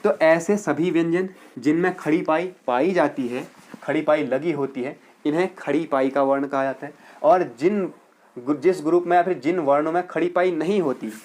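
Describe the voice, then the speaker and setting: Guy teaching a grammar class for exams, kinda high voice, explains bit by bit, says "ok" a lot, repeats words slowly. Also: darkish tone. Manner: explains step by step, repeating "ठीक है" to check understanding. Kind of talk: Hindi grammar lecture for exam students.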